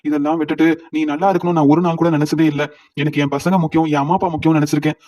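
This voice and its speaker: Man reading the lines of an apologetic pleading husband, fast and slightly high. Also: flat delivery, warm tone, close to an everyday voice. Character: repentant middle-aged husband, weak after illness. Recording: dull lo-fi audio.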